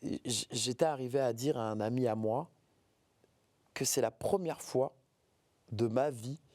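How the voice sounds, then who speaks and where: A man's voice: mid-range voice, a little slow, a little mellow, dry recording. A man in his forties from the Paris suburbs, speaking earnestly as an interview guest, often hesitating and repeating words. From France, Paris suburbs. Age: 40s.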